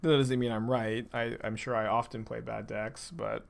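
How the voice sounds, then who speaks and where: A young Texan man with a mid-range, gravelly voice and a mild urban Texan accent streams a card game, thinking aloud for viewers. He speaks at a moderate pace with fairly even intonation, his casual commentary dry and sarcastic.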